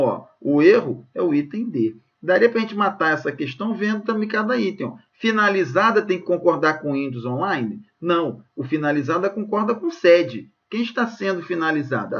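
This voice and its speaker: A man's voice: high-pitched, creaky, dull audio. A man with a Brazilian Portuguese accent teaches an exam prep lesson, explaining grammar questions and checking in with his students often. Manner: didactic, checks in often with "ok?" and "gente".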